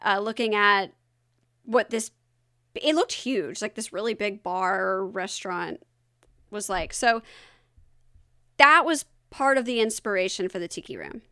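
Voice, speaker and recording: A woman co-hosting a casual podcast chat, telling a story with lots of giggles and animated asides. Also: mid-range voice, a little slow, long pauses, smooth, no room sound, studio quality. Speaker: podcast co-host.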